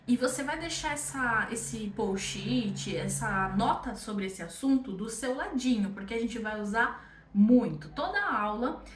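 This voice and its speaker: A young woman with a Brazilian Portuguese accent gives a casual online French lesson, chatty and encouraging, checking in often with her students. Her voice sits a little high and comes from a step back from the mic. The room around her is echoey. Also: animated, measured pace, recorded from a distance, a little hiss or hum. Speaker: French teacher.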